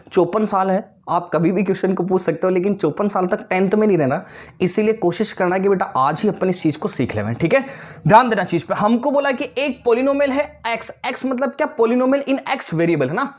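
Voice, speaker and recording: A man's voice: sits high, a little mellow. A man in his twenties teaching a maths lesson in an online class. He coaxes his pupils, keeps checking that they understand, and slips in joking asides. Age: 20s. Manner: coaxing, keeps asking students if they understood; calls pupils "beta" and "bhaiya", joking asides.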